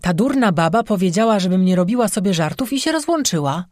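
A man voicing a frightened, quick-tempered young woman in an audiobook, speaking breathlessly and indignantly. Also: medium pitch, animated, a little mellow, no room sound, studio quality, close to an everyday voice. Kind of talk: audiobook character voice.

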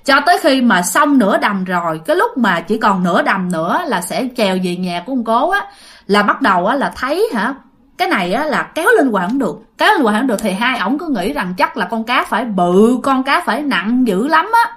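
A woman with a Southern Vietnamese accent narrating a ghost story in a chatty way, speaking straight to her listeners and often sinking to a hushed murmur. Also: a little high, sing-song, brisk. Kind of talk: casual spoken storytelling.

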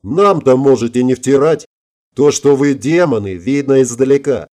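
Guy doing a swaggering young thug, gruff and smug. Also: mid-range voice, normal speed, dark tone, natural voice. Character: cocky young male street tough.

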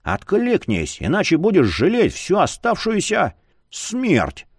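A man voicing the ghost of a brash young man who taunts his friend in a higher, slowed voice. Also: huge pitch swings, husky, no room sound, studio quality, heavily acted. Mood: yelling. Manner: taunting, drawn-out, higher than the narration.

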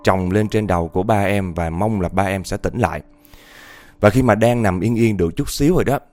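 A man's voice: fairly low pitch, a little mellow. A man narrating a ghost story in a conversational way, talking straight to his listeners. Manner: conversational, addresses listeners directly.

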